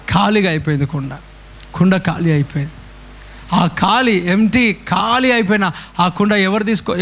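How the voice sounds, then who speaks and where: A male pastor preaching a call-and-response sermon, firing repeated rhetorical questions at his congregation. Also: high voice.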